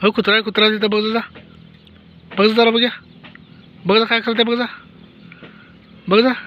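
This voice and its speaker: A woman's voice: a little high, flat delivery, normal speed, a little hiss or hum. A woman, chatting in a family vlog and coaxing a child with repeated questions. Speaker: vlogger interviewing a child. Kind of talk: casual family vlog chat. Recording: dull lo-fi phone audio.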